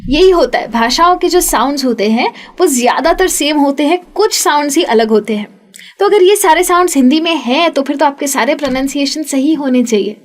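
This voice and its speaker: A young woman teaching English pronunciation, patiently repeating each sound slowly for practice. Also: sits high, expressive. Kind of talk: spoken English lesson.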